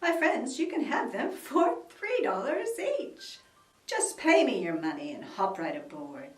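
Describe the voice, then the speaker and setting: A woman voicing a sly, smooth-talking male salesman creature in a storybook reading, with a wheedling sales-pitch manner. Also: sing-song, a little slow. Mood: coaxing. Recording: roomy echo, mic at a distance, faint music.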